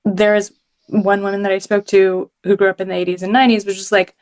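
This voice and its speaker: With a level tone and a slightly fast delivery, a medium-pitched woman chats as a podcast guest. She's a Hong Kong journalist who talks casually, uses many fillers, and laughs often.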